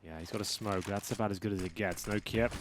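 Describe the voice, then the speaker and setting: A man's voice: lowish voice, steady tone, fast. A man commentating a match as an esports caster. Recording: noisy game feed with gunfire.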